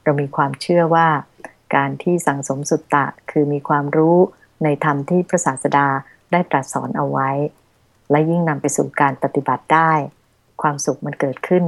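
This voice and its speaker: Low-voiced woman radio host, polite. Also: steady tone, normal speed, creaky, dry recording. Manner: polite, gentle, deferential to the monk. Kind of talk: Buddhist radio talk show. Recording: dry studio radio sound.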